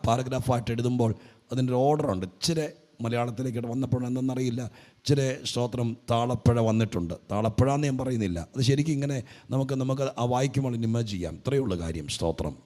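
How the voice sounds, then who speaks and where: A man preaching a Pentecostal sermon who keeps saying "praise the Lord" and "hallelujah". He asks the congregation questions and moves from quiet asides to loud, stressed lines. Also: mid-range voice.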